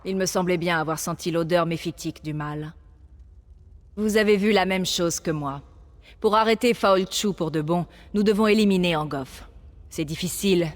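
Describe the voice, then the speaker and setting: An actress playing a resolute, self-sacrificing noblewoman mage in a video game, speaking in a solemn, measured manner. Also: fairly low pitch, natural voice. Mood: grave. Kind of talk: dramatic video game acting.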